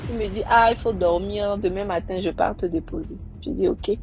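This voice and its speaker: A woman's voice: mid-range voice, fairly quick, lo-fi sound. A young woman casually recounting a personal story, acting out the people she quotes. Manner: animated, acting out quoted voices.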